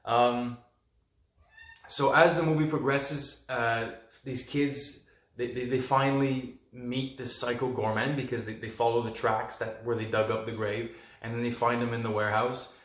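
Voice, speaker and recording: A man's voice: mid-range voice, flat delivery, moderate pace. Rambling man in a roomy space. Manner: rambling, enthusiastic retelling with many fillers. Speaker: podcast host. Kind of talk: casual film review.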